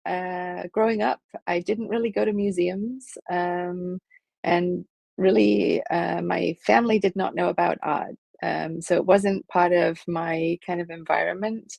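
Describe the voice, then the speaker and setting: A middle-aged woman with a Liverpool accent speaks as a guest professor in an interview. Her voice is heavily gravelly and a little husky, a touch low for a woman. She thinks aloud, with many pauses and ums, in a dry, close recording. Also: a little mellow, dry recording. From England. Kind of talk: conversational interview.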